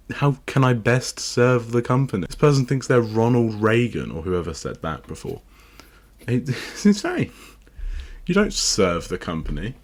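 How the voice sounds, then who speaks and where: A young man with a low, deep voice and a southern English accent delivers sarcastic reaction commentary. He talks in a mocking, exasperated way, scoffing as he goes. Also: darkish tone. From England. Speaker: commentary vlogger.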